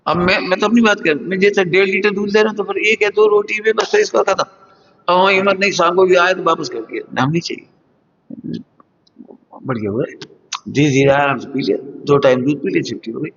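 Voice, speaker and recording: A man's voice: high voice, fairly even intonation, brisk, a bit bright. Middle-aged man preaching in a reverberant hall. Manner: homely, conversational, addresses listeners as children. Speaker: religious teacher. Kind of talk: sermon to students. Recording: dull lo-fi hall recording with long reverb.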